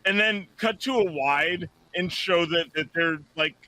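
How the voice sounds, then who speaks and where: A man's voice: a little high, unhurried, pushed and bright, no echo, rough recording. A man hosting a casual reaction chat, rambling with lots of "like" and restarts. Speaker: podcast host.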